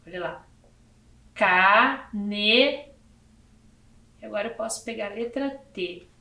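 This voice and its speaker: A woman from Brazil teaching young children in a video lesson, slowly counting letters and syllables aloud. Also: mid-range voice, a bit bright, reverberant.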